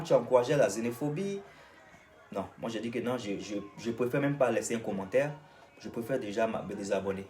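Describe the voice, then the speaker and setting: A man's voice: mid-range voice, darkish tone, far from the mic. A man from Côte d'Ivoire with an Ivorian French accent, ranting straight at another creator in a vlog, lecturing and repeating his points. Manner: lecturing, repetitive, addresses his target directly. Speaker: vlogger and singer. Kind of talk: ranting monologue to the camera.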